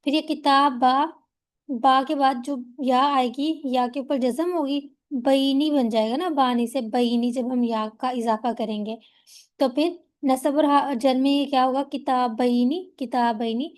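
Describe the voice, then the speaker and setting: Woman teacher, young adult, high voice, patient classroom lecture, checks understanding, drawls out example words slowly. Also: fairly even intonation. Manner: explains patiently, often checks understanding with a rhetorical question; slows down to spell out example words syllable by syllable.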